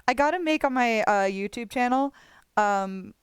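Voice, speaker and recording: A woman's voice: on the high side, expressive, unhurried, clean tone, no room sound. A woman streamer chatting casually and rambling while she draws requests, laughing often and swearing offhand. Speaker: streamer drawing viewer requests. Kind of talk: casual live-stream chat.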